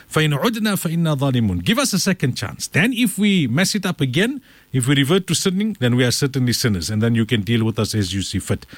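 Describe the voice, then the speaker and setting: A man teaching a Quran commentary class, reciting Arabic verses quickly and then explaining them in English with animated delivery. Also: mid-range voice, dry recording.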